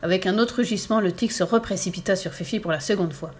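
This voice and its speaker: A woman narrating a children's storybook aloud in a steady, clear storytelling voice. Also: mid-range voice, fast. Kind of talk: storybook reading.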